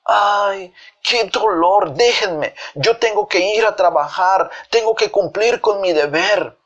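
A high, whining young bee boy, lazy and full of lies, put on by a man telling the story. He groans and pleads in a pinched storybook voice. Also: slow pace, fairly bright tone, dull audio, heavily acted. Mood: fake pained. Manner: whiny, fake groaning.

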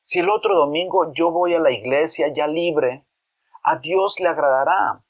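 An eager young boy in a storybook tale, begging and insisting in a voice pushed well above the teller's own, as a man puts him on. The boy sounds bright and urgent, and the recording is dull and lo-fi. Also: a little high, measured pace, pitched above the performer's own voice. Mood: pleading. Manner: begging, insistent, repeating "mami". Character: pleading young boy, eager football player.

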